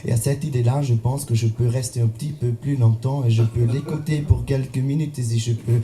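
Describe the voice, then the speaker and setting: A man's voice: mid-range voice, fairly even intonation, a little fast, warm tone, slight background noise. A man from German-speaking Switzerland with a Swiss German accent, telling a humorous slam poem in French, his second language. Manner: humorous storytelling, playful sung asides. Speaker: slam poet. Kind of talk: slam poetry performance.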